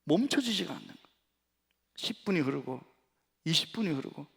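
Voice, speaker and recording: Middle-aged male preacher, animated storyteller who acts out dialogue, slightly high voice, echoing church sanctuary. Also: fairly quick, creaky, slightly rough. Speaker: senior pastor. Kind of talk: sermon. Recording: long church hall reverb.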